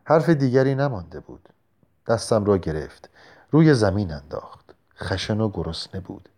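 Calm low-voiced male storyteller. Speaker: audiobook narrator. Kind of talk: scripted narration.

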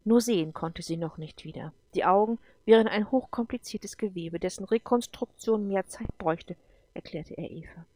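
A woman reading a science fiction story aloud in a steady, even storytelling manner. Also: mid-range voice, moderate pace. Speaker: narrator. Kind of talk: audiobook reading.

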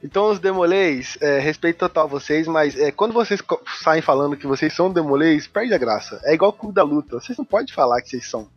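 Slightly lo-fi recording, Brazilian male host, husky and a little high, irreverent slangy comedic commentary. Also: animated, fast, hardly any pauses, soft background music. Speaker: podcast host.

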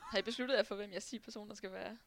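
A young woman from Denmark co-hosting a podcast, with playful, quick remarks. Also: medium pitch, steady tone, no room sound. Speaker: podcast co-host. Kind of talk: casual chat.

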